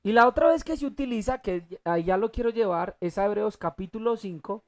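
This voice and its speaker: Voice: mid-range voice, expressive, a little mellow. Preacher quizzing the congregation mid-sermon. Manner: asks the congregation fill-in questions, repeats key words slowly; halting restarts, thinking aloud. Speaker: preacher teaching a Bible class. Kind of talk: church teaching sermon.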